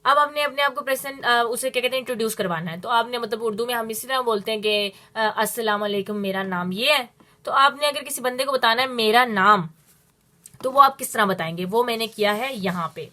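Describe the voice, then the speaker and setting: Female language teacher, bright and slightly high, explains patiently and stretches out example phrases. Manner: explains step by step with slow, drawn-out Spanish examples. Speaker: Spanish teacher. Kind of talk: spoken language lesson.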